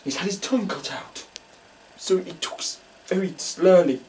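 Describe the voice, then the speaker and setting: A man playing a hammy spoof psychic medium who speaks in halting, dramatic whispers and gasps in a comic mock documentary. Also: high voice, darkish tone, distant mic, slight background noise. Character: hammy male stage psychic, breathy and theatrical.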